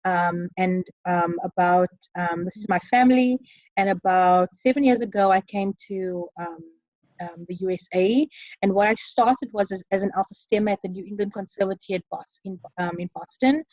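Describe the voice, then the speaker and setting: A woman facilitating an online session, speaking earnestly with many ums and pauses. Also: mid-range voice, darkish tone, dry recording, dull audio. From South Africa. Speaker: webinar facilitator. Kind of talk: online presentation. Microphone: computer mic on a video call.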